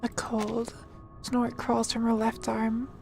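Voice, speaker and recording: A woman's voice: on the high side, monotone, slow pace, creaky, darkish tone, soft background music. A woman streamer reading a game story aloud as scripted narration.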